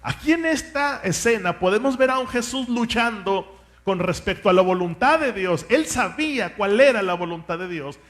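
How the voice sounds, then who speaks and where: A man's voice: high voice, fairly bright tone. A man, a pastor, preaching a sermon with fervent rhetorical questions and asking his congregation to repeat words after him.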